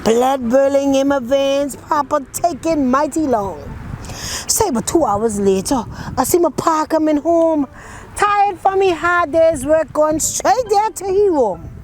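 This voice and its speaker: A Bahamian woman poet with a fairly high voice, reciting dialect verse and speaking about her craft. She tells things in a rhythmic, storytelling way full of vivid island phrasing. Faint noise sits under her voice. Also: expressive, measured pace, a little mellow, poor audio.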